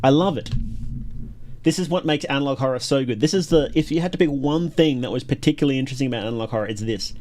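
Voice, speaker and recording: Reacting to videos on his livestream, a man offers casual, excited commentary and hammers points through emphatic repetition. He talks at a quick pace in a medium-pitched, somewhat dark voice.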